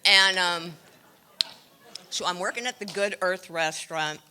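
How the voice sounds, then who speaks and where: Woman, candid recovery speaker, dry humor, bright tense voice. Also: on the low side, steady tone, measured pace. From California. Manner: wry, self-deprecating, frequent ums. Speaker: AA speaker sharing her story. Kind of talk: recovery share, candid storytelling.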